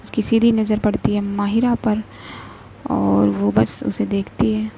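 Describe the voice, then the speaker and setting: A young adult woman narrating a love story slowly and deliberately, pausing often. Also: medium pitch, little pitch movement, gravelly, warm tone, a little hiss or hum, low-quality recording. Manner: slow, deliberate, with pauses and restarts.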